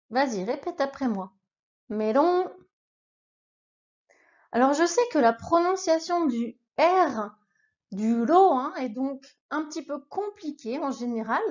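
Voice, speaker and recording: A woman's voice: high voice, darkish tone, highs cut off. A woman teaching a beginner language lesson, patiently leading repeat-after-me drills and cheering the listener on. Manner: patient, encouraging, addresses the listener informally.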